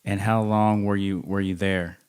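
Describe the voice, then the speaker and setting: A man's voice: sits low, level tone, moderate pace, darkish tone, clear, resonant tone. A man hosting a casual conversational interview, asking questions in a tentative, encouraging way. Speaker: interviewer, host.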